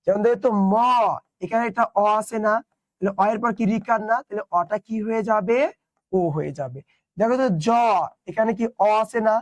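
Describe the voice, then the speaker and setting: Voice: mid-range voice, a little fast, dry recording. A teacher giving an online exam-prep lesson, posing questions and answering them, with English words mixed in. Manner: quizzes students with questions, then answers them itself; mixes English words into the explanation.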